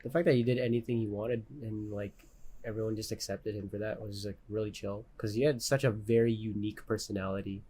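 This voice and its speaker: Laid-back, low-voiced man on a podcast. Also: steady tone, fairly quick, mellow, a little hiss or hum. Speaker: podcast co-host. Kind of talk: casual chat.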